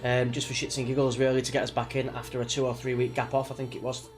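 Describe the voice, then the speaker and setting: Before a race, a British sim racing streamer chats to his livestream audience while music plays behind him. A cold leaves him a little sniffly, and his rambling, chatty talk comes fast and monotone at a middle pitch.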